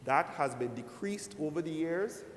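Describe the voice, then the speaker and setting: A man giving a formal speech as a senator, deliberately addressing the chair and often saying "sir". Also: animated. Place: large indoor legislative chamber. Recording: echoey hall, rumbling background noise.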